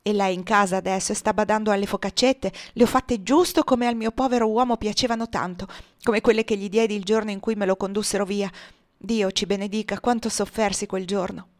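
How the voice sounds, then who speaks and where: A woman voicing a talkative aging house cook, devoted and emotional, in a lively exclaiming way. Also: medium pitch, fairly quick, natural voice. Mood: fond.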